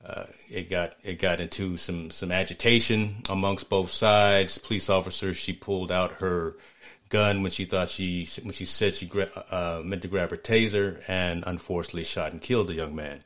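A man co-hosting a casual sports podcast, talking in a thoughtful, measured way and often restarting his phrases. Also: low-pitched, fairly even intonation, a bit bright. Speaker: podcast co-host.

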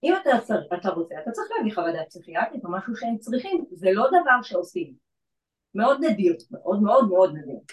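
A woman who works in legal aid, telling a story in casual chat and acting out the voices of the people in it. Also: medium pitch. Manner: animated, acts out quoted voices. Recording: echoey room from far off.

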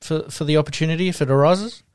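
Clear, higher-pitched Australian male interviewer. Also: fast, a little mellow. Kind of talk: casual sports interview.

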